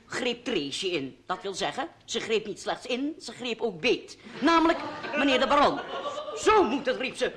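An actor playing a pompous, wordy friend who tells a tale in flowery, mock-formal speech, in an old radio comedy with audience laughter. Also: male voice, extremely high pitch, full character voice.

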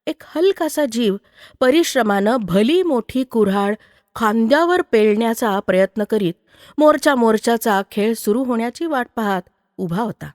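A woman storyteller reading a written story aloud in a measured, expressive way. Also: on the high side, dry recording, studio quality, in a large hall. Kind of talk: scripted story narration.

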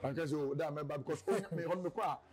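A man's voice: fairly high pitch, rapid-fire, poor audio. A man with a Ghanaian accent, a radio presenter, telling his story in a casual interview and rambling between a local language and English.

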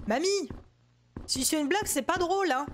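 A French woman gaming streamer chatting casually while she plays a horror game, jumpy and talkative as she reacts out loud. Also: very high voice, quick pace, a little hiss or hum. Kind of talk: casual let's-play commentary.

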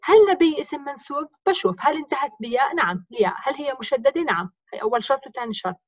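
A woman's voice: sits high, animated, racing, no room sound, lo-fi sound. A woman teacher with a Levantine accent, explaining grammar step by step by asking and answering her own questions in a recorded lesson. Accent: Levantine Arabic. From Jordan.

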